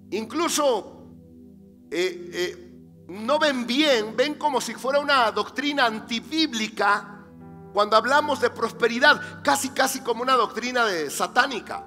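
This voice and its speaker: A male pastor preaching a sermon. He asks the congregation rhetorical questions, answers them himself, and rises to emphatic, near-shouted declarations. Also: very high voice, expressive, slow pace. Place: church sanctuary. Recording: reverberant church hall with faint music.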